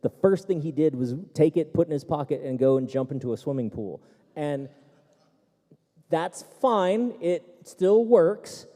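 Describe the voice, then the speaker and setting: This tech expert panelist has a dark, medium-pitched voice and talks a little fast. He answers tech questions in a seminar hall in a casual way, full of fillers and false starts, and the hall echoes.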